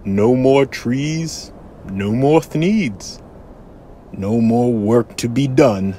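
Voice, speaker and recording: A man's voice: medium pitch, very slow, dark tone, slight background noise. A man voicing an old industrialist hermit in a rhyming storybook, dramatic and emphatic, lingering on words. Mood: regretful. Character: old, regretful, defiant industrialist hermit, the Once-ler. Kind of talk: rhyming children's storybook read-aloud. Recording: music and sound effects behind the voice.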